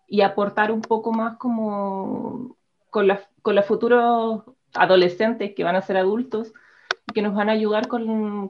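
A woman's voice: mid-range voice, gravelly, dull audio. A young woman with a southern Chilean accent, a student guest answering interview questions in a friendly, hesitant way. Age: young adult.

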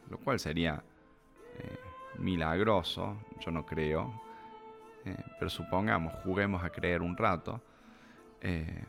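A man with a very deep voice speaks slowly, musing over a story with many pauses. He then reads aloud in a calm, measured way. Music plays clearly behind him. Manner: reflective, with many hesitations. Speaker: literature commentator and reader. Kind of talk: thoughtful commentary and storybook reading. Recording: music playing underneath.

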